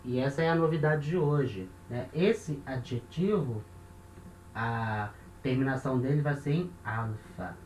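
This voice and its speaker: A man teaching a recorded lesson in a patient, steady way. He checks in often with short tag questions and slows down to repeat word forms. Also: medium pitch. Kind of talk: recorded lesson explaining grammar. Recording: echoey room with faint noise.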